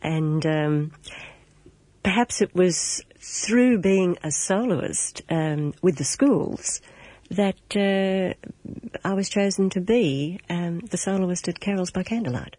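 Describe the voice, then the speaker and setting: An older woman reminiscing in a slow, hesitant way, full of pauses and fillers. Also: on the low side, warm tone, no room sound. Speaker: interviewee.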